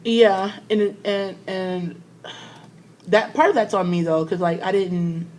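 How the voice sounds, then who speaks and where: A woman teacher talking with her coach. She is hesitant and halting, restarts often, and leans on fillers like "um" and "like". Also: medium pitch, steady tone, a little mellow. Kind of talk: casual coaching conversation.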